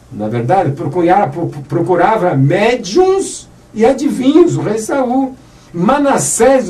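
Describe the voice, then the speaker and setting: A man with a Brazilian accent teaching the Bible on the radio in an informal, animated storytelling way, often checking that listeners follow. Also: sits high, far from the mic. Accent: Brazilian Portuguese. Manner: animated storytelling, acts out quotes, keeps asking "tá entendendo?".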